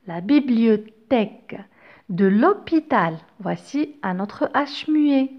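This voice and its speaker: A woman teaching a reading lesson to young children, reading slowly and articulating each word with care. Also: on the high side, muffled recording. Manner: slow, careful, over-articulated reading. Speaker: French teacher.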